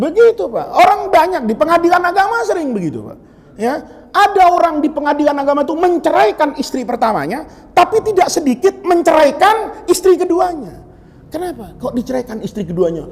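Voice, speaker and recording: A man preaching a humorous sermon, telling stories and joking with his listeners. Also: very high voice. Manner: joking, storytelling, addressing listeners as "Pak". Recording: reverberant hall.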